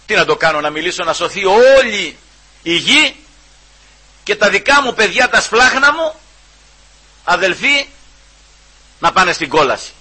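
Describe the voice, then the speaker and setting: A man delivers a sermon in a husky, strikingly sharp voice set somewhat high. He keeps addressing his listeners as brothers and moves from loud emphasis to quiet, hushed asides. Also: animated, pauses often, low-quality recording. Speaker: preacher.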